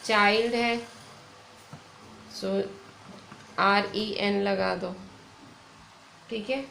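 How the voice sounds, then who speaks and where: Indian woman teacher, slow and gravelly, echoey room: patient lesson delivery. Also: mid-range voice, steady tone, a bit bright, a little hiss or hum. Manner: slow, patient explaining with frequent "theek hai". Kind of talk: online grammar lesson. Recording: echoey room with faint ambience.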